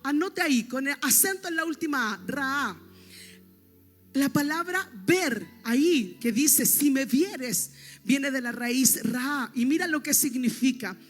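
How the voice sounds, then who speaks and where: A woman's voice: high voice, expressive, a little slow. A woman pastor preaching a sermon, teaching with emphasis and often checking that her listeners follow her. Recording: long reverb, faint music.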